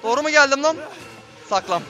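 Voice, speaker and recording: Male streamer, tense horror-game commentary, high and bright, addresses viewers constantly. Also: lively intonation, fairly quick, soft background music. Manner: tense, jumpy, talks to viewers. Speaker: gameplay streamer.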